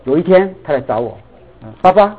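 A middle-aged man preaching a sermon, telling a family story in an animated way and mixing English words into his talk. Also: mid-range voice, fairly quick, slight background noise. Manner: animated, acts out dialogue, mixes in English words. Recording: tinny phone-like sound.

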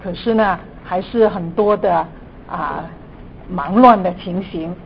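A woman's voice: slow, vocal fry. Woman with Cantonese-accented Mandarin, muffled noisy recording. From Guangdong, China. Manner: frequent sentence particles, mixes in English terms. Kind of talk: church teaching lecture. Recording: dull lo-fi room recording, audible noise, rumble.

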